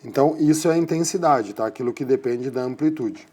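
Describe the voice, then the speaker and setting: Mellow-voiced man teaching physics. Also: mid-range voice, fast talker, husky. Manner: explanatory, repeats tags like "tá?" and "né?". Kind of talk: classroom physics lecture.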